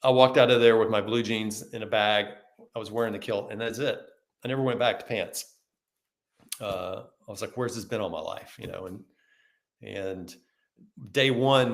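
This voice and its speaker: A man co-hosting a podcast, telling stories in a casual, animated way and acting out the people he quotes. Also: fairly low pitch, vocal fry. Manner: animated storyteller, acts out quoted dialogue. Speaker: podcast co-host. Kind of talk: casual conversation, storytelling.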